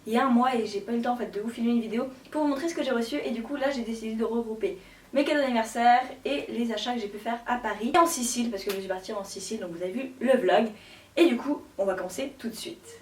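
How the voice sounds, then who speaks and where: Young woman, beauty vlogger, gushing slangy chat, fairly high voice, echoey room heard from a bit off-mic. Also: quick pace, distant mic, a little hiss or hum. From Switzerland. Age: young adult. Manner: gushing, slangy, full of fillers. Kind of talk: casual haul chat to camera.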